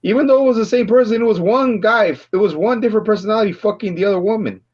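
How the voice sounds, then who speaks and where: Excited profane man on lo-fi stream audio. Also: high voice, racing. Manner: repetitive, profane, excited storytelling. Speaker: podcast co-host. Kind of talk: casual film discussion.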